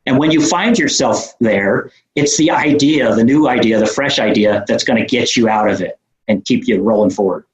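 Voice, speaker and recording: A man's voice: medium pitch, moderate pace, muffled recording. A man with a New York accent explains his ideas as a podcast guest. He rambles easily through fillers and restarts. His voice carries a roomy echo. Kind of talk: casual interview conversation.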